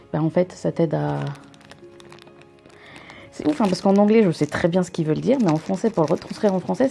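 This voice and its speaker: Low gravelly-voiced woman chatting through an unboxing. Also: warm tone. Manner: chatty, rambling, self-mocking asides. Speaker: vlogger unboxing a subscription box. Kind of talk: casual unboxing chat.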